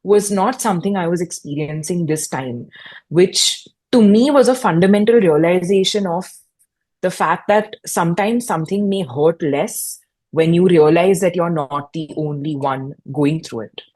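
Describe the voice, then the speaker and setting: Speaking at a moderate pace in a fairly low, darkish voice, a young woman from India shares personal stories as a fireside chat guest, often restarting her sentences. She hosts a mental health podcast.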